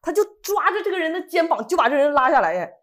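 Telling her own story in casual chat, a Northeast Chinese woman co-host brings it to life by acting out what others said. Her voice is very high and she talks at a quick pace.

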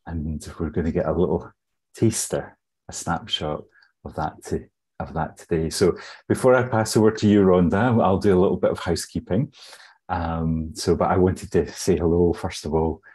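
Scottish male webinar host, low mellow voice, friendly, hesitant with fillers. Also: fairly even intonation, normal speed, husky. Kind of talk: webinar housekeeping. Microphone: video call.

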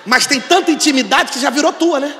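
A man pastor with a Brazilian Portuguese accent preaching a sermon in a large church, calling on the congregation to repeat after him and rising to shouted declarations. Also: extremely high pitch, brisk, big-room sound, some chatter behind, slight background noise. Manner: preaching with call-and-response, building to shouted declarations.

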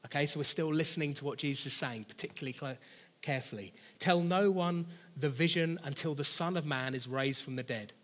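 A male preacher with a somewhat high voice delivers a sermon in an earnest, chatty manner. He often rephrases and repeats his key lines. The voice rings out in a hall with a long reverb. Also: fairly quick, fairly bright tone.

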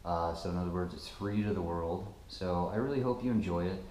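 A man's voice: deep voice, fairly quick, dark tone, slight background noise. A young man casually demonstrating a tool he made, talking in a rambling, self-deprecating way with lots of fillers, recorded in a garage. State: sweating. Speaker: maker demonstrating his own tool. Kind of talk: casual product demo. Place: garage, indoors. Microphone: camera mounted close in front. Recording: echoey garage room.

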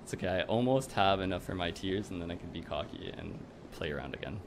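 A man's voice: low voice, expressive, fast talker. A man giving casual, slangy and wry commentary as he plays a video game. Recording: clear background noise, game ambience.

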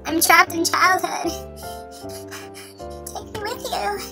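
A man's voice: takes it slowly, creaky, over music, exaggerated voice. A man putting on the voice of a whiny young child who pleads to be taken along. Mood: pleading. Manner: pleading, squeaky. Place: parked car. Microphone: laptop mic.

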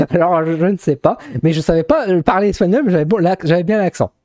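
A young man from northern France with a Ch'ti accent talks casually to his viewers, hesitant and full of restarts. His voice sits a little high and sounds mellow. The recording is close and dry. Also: a little fast, dry recording. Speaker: vlogger. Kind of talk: casual vlog.

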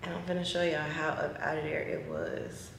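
A woman in her twenties from Texas, chatting casually to camera in a slangy, lively vlog. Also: low-pitched, moderate pace, gravelly, a little hiss or hum. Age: 20s. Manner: chatty, animated, uses slang. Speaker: vlogger. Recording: echoey room, recorded from a distance.

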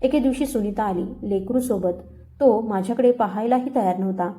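A woman narrating a dramatic first-person story in a calm, measured way. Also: mid-range voice.

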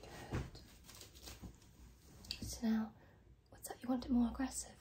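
A woman's voice: a little high, level tone, unhurried, mellow. A young woman doing a whispered role-play as a massage therapist, murmuring short, reassuring phrases to a client. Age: young adult. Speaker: ASMR performer playing a massage therapist. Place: small bedroom, indoors.

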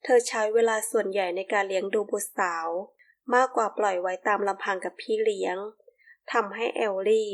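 A woman narrating a romance novel audiobook in a calm, even storytelling voice. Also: medium pitch, a little fast. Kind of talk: scripted narration.

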